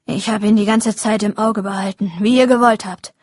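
A guilt-ridden neighbor read by a woman narrator who defends himself and apologizes in turn. The voice is husky and close, with no room around it. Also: medium pitch, fairly even intonation, moderate pace, darkish tone, no room sound, natural voice. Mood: guilty.

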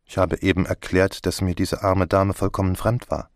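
A man voicing a reserved, thoughtful young Englishwoman in an audiobook, speaking quietly and hesitantly. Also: low-pitched, flat delivery, moderate pace, no echo, studio quality, natural voice. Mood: subdued. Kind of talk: audiobook character voice.

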